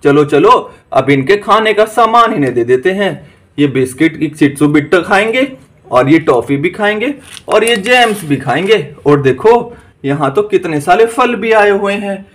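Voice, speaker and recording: A man's voice: high voice, animated, normal speed, a bit bright. A man narrating a toy-doll story in an eager, exclaiming, repetitive way.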